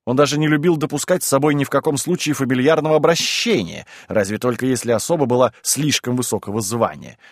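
A man narrating a classic novel as an audiobook reader, in a measured storytelling manner. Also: medium pitch, no echo, clean studio sound.

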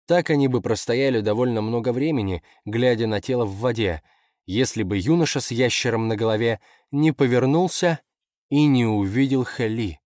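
An audiobook narrator with a mid-range male voice reads fiction aloud, delivering scripted narration in a measured, expressive way. The studio sound is clean, with no room sound at all.

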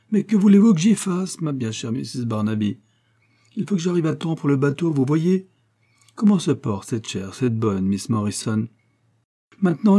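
A man's voice: mid-range voice, mellow, pitched above the performer's own voice, natural voice. A man reading an audiobook voicing an effusive, evasive aristocratic lord who chatters jovially and talks over others.

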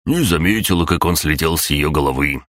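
A man's voice: extremely low pitch, brisk, a bit bright, no echo, clean studio sound. A man voicing a whiny, cackling male gambler spirit in an audiobook. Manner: wailing, cackling.

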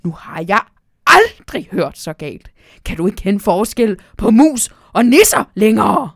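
Woman reading as a cranky tiny christmas elf, huffy and easily offended, slightly gravelly, dry close sound. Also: fairly low pitch, expressive, no echo. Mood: indignant. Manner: indignant shouting.

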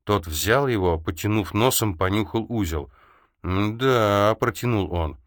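Narrator: man, low voice, dry close recording, measured audiobook reading. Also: no room sound.

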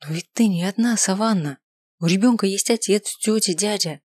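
A woman voicing a caring young best friend who speaks eagerly and often in a hushed whisper. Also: medium pitch, moderate pace, no room sound, clean studio sound, close to an everyday voice. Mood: excited, hushed.

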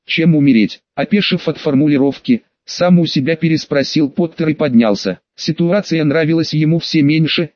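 A man narrating an audiobook in an even, measured reading voice. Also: fairly high pitch, no room sound, highs cut off.

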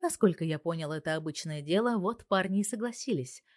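A woman narrating an audiobook in the first person, with a fairly low voice. Her reading is steady and even, recorded dry and close. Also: a little fast, no room sound. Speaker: audiobook reader.

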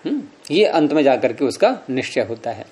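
Explaining sutras to a class, a man teaches Sanskrit philosophy at a normal speed in a mid-range, slightly mellow voice with big pitch swings. He recites Sanskrit, repeats key words, and keeps questioning his students.

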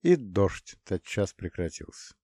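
A man narrating a story in a steady, dramatic audiobook style. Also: sits low, a little slow, dry recording, clean studio sound. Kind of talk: scripted narration.

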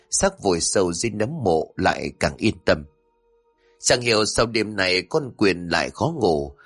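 A man narrating a horror story in a suspenseful, measured way. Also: fairly low pitch, fairly bright tone.

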